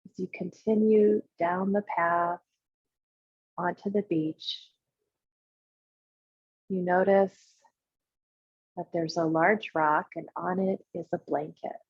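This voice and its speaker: A female meditation guide walks listeners through a visualization using brief, unhurried instructional phrases and pauses, her voice slightly husky and fairly low in pitch. She keeps a steady tone. The audio is muffled and echoey, with a roomy feel.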